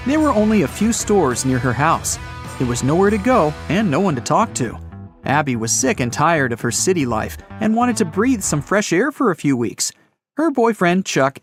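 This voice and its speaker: Male narrator for riddle stories, slightly high voice, very animated delivery.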